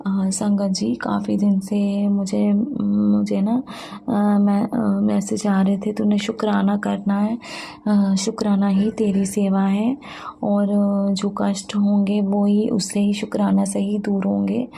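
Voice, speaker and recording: Gravelly, flat-voiced woman sharing faith testimony. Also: medium pitch. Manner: halting, many fillers and restarts. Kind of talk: devotional testimony talk.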